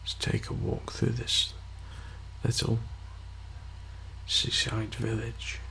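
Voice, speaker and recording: A man leading an ASMR guided meditation in a hushed, soothing, half-whispered voice with long pauses. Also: lowish voice, completely flat delivery, creaky, a little hiss or hum.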